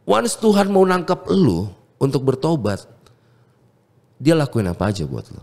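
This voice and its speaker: A man's voice: mid-range voice, unhurried, gravelly. Fervent man. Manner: fervent, animated storyteller, mixes English words into slang. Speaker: music producer guest. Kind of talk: emotional personal testimony in casual chat.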